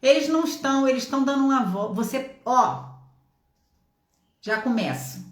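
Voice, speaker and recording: A middle-aged woman with a Brazilian accent preaches with fervor and exhortation. Her voice sits a little high. Her home office gives it a noticeable echo. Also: lively intonation, normal speed. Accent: Brazilian Portuguese. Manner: passionate, exhorting, acts out shouts and dialogue. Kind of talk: sermon with personal testimony.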